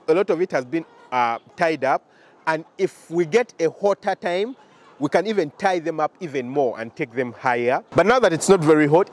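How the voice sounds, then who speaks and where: A young Ugandan man with a slightly high voice walks viewers around his poultry farm, outdoors and inside a chicken house. As the owner, he explains things, repeats his points, and talks straight to the camera, which he holds close to his face for this vlog.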